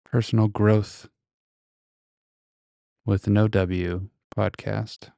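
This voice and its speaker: A man's voice: fairly low pitch, flat delivery, very slow, vocal fry, warm tone, clean tone, no room sound. A man recording a casual, reflective solo podcast monologue very close to the microphone, speaking in a hesitant, introspective way. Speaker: podcast host.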